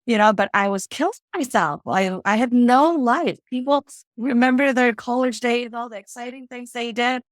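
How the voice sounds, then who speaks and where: A woman's voice: fairly high pitch, normal speed, few pauses, no echo. Woman from Fiji, dry close sound. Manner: reflective storytelling, often adds "right?" and "you know". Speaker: guest, financial strategist. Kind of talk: casual interview conversation.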